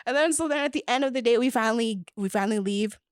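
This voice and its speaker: A woman's voice: a little high, fast, dry recording, clean studio sound. Laughing young woman telling dating stories. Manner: animated, laughs often, quotes people. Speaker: podcast guest storyteller. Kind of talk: casual storytelling.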